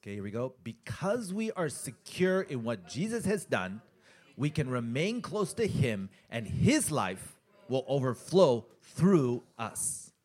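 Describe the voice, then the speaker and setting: A man preaching slowly in short chunks and leaving gaps for his interpreter. His pitch rises and falls a lot, and he softens when he prays. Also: big pitch swings. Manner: pauses in short phrases for the interpreter, prays softly. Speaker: pastor. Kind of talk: sermon with live interpretation.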